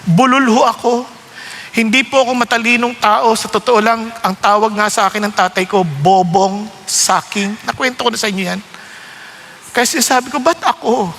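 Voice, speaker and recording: A man with a Filipino accent preaching a sermon, telling a personal testimony in animated storytelling that mixes Tagalog and English. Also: high-pitched, normal speed, a little hiss or hum.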